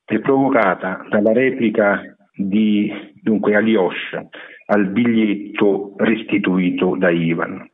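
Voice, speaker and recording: A man with a husky, somewhat low voice gives a measured radio lecture on literature. The sound is squeezed into a narrow, phone-like band, like an old radio broadcast.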